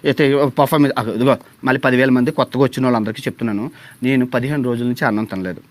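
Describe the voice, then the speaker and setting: Fast-talking sarcastic Telugu man. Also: medium pitch. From India. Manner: sarcastic, pleading, theatrical. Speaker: travel vlogger on a livestream. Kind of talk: mocking livestream rant.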